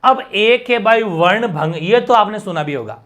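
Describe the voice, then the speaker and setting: A high-voiced man, teaching a live exam-prep class in a conversational way. He keeps checking that his students follow along and warmly answers viewers in the chat. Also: lively intonation, moderate pace. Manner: explains with constant check-ins to students. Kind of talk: exam-prep language lesson.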